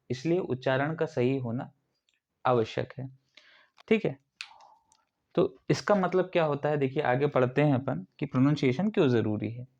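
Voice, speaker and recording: An ITI instructor from India gives a classroom lecture, explaining things step by step and asking the class questions. His voice is medium-pitched and slightly mellow, and the sound is lo-fi.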